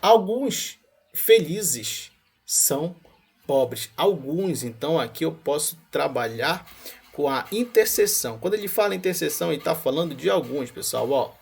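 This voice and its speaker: A man from Pará teaching logic for exam prep, talking to viewers with lots of quick check-in questions like "tá?" and "ó". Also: fairly high pitch, vocal fry, breathy edge. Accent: Paraense Brazilian Portuguese. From Pará, Brazil. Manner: energetic, addresses viewers as galera, frequent tag questions like tá? and ó. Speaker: math teacher. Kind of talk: exam-prep lesson walkthrough.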